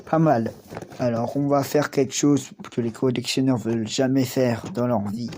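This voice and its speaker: A man's voice: medium pitch, fairly even intonation, moderate pace, a little mellow, a little hiss or hum. A male YouTuber casually presenting collectible figures, rambling and drifting off topic with many restarts. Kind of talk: casual unboxing vlog.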